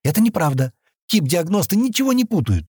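A man reading an audiobook, voicing a young woman who is bewildered and insistent, in a raised husky voice. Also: low-pitched, sing-song, normal speed, a little mellow, no room sound, clean studio sound, pitched above the performer's own voice, full character voice. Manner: raised questioning voice, protesting.

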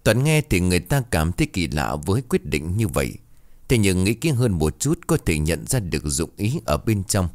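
A man narrating a scripted story in a dramatic, expressive way. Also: deep voice, normal speed, no room sound.

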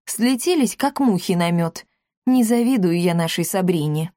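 A woman's voice: on the low side, lively intonation, moderate pace, dark tone, no echo, natural voice. A woman reading aloud, voicing a dry, mocking talking cat with a wry manner.

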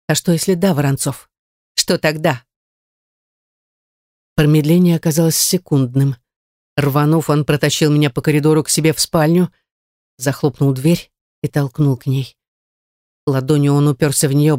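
A woman's voice: low voice, dark tone, no echo. Brief: woman, first-person audiobook narrator, emotional and intense, dry studio sound.

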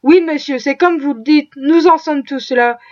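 A woman's voice: high voice, moderate pace, darkish tone, dull audio, natural voice. Woman reading as a sly, rat-like man. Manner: sly, sneering.

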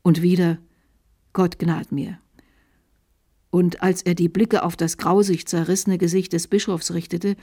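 A woman narrating a historical tale for radio in a measured, expressive reading style. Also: on the low side, husky. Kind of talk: scripted literary reading for radio.

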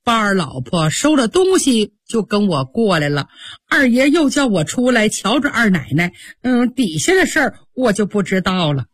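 A woman's voice: medium pitch, big pitch swings, normal speed, breathy edge, dry recording, studio quality. A woman voicing a frightened young servant girl who pleads through tears in a storytelling performance. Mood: tearful pleading. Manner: crying, pleading, stammering.

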